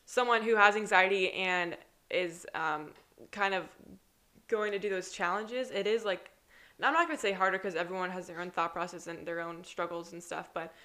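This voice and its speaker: A woman's voice: fairly low pitch, normal speed, bright, forceful tone. A woman speaking as a guest on a podcast in casual chat, hesitant with many fillers.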